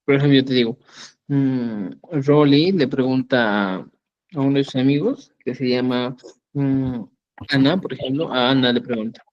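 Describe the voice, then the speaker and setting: A man's voice: mid-range voice, moderate pace, dull audio. A man teaching a language lesson, patiently repeating words and often checking that his students follow.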